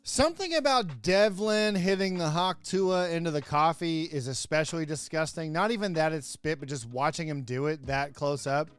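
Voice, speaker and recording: A man's voice: fairly high pitch, moderate pace, few pauses, faint music behind. A man hosting a comedic review of an old wrestling show, sarcastic, with laughing asides and mock outrage. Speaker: host, wrestling commentator.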